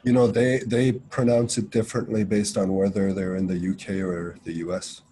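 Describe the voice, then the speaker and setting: Halting man, guest on a webinar. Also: on the low side, level tone, warm tone, a little hiss or hum. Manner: halting, many "uh" fillers and restarts. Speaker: guest freelance copywriter. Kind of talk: casual webinar chat.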